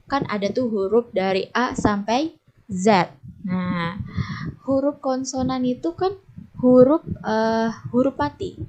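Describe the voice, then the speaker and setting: An English teacher with an Indonesian accent giving a patient lesson to young teens, repeating each word slowly for the class to echo. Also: female voice, a little high, darkish tone, lo-fi sound.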